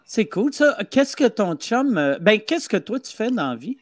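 Lively Québécois man joking on a call-in show. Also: high-pitched, normal speed, no echo, studio quality. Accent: Québécois French. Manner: joking, laughs often. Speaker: podcast co-host. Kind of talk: casual call-in chat. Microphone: studio mic.

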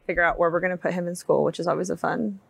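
A woman in her thirties, a real estate agent and mother chatting on a podcast in a talkative, animated way. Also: lowish voice, very fast, creaky, slightly rough, no echo. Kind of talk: casual podcast conversation.

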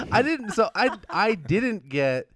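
A man's voice: high-pitched, very animated, takes it slowly, fairly bright tone. A man hosting a casual, jokey group chat, often laughing as he talks. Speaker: podcast host. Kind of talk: casual comedic group banter.

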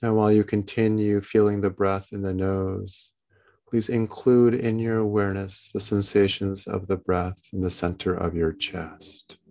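A man leads a guided meditation in a calm, meditative tone. His voice sits very low and has a soft, mellow color, with a gravelly creak at the edges. He gives gentle instructions in short, unhurried phrases. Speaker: meditation teacher. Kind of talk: guided body-scan meditation.

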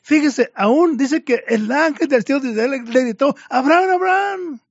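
A man's voice: very high voice, moderate pace, no room sound. A man preaching a fervent sermon to his congregation, addressing them again and again as brothers, in a dull lo-fi recording.

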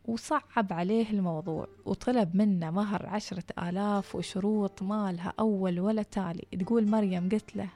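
A woman with a Gulf Arabic accent narrating a true-life story, reading it aloud with a calm, even delivery. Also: mid-range voice, brisk, hardly any pauses. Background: soft background music.

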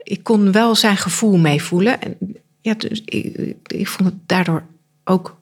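A woman's voice: medium pitch, unhurried, a little mellow, slightly rough. A woman writer giving her candid view of a book, searching for words as she goes. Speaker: guest writer. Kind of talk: literary discussion.

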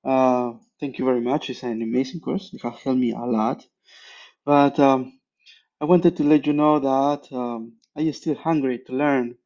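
Earnest caller with a muffled sound. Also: male voice, mid-range voice, steady tone, a little mellow. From Peru. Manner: halting, many fillers, earnest and polite. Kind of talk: recorded voicemail question.

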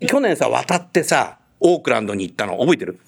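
A man's voice: medium pitch, a little fast, vocal fry, slightly rough. A man hosting an on-location interview in a casual, chatty way, telling stories and nodding along to his guest. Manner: chatty, animated storyteller, frequent nods. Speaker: host.

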